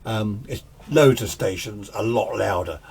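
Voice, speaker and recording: Indoors in a home radio shack, a middle-aged man with a lowish, gravelly, slightly mellow voice talks unhurriedly through a hands-on demonstration. As an amateur radio hobbyist and host, he stays casual, chatty and self-deprecating. A camera's built-in mic picks up hiss and background noise, and faint radio hiss and static linger.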